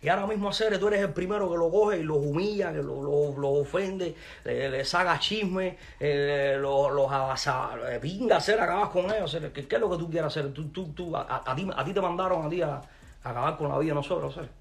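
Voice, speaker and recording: A Cuban musician with a Cuban accent rants angrily at someone to camera, repeating himself and cursing in a heated way. His voice is a little high and fairly quick, with vocal fry.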